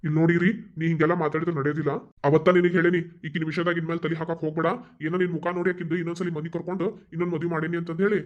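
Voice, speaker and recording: A man's voice: on the high side, level tone, racing, close to an everyday voice. A man voicing a stern, resentful father in a cartoon, scolding in a North Karnataka accent. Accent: North Karnataka Kannada. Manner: scolding, grumbling. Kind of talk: cartoon voice acting. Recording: dull lo-fi recording.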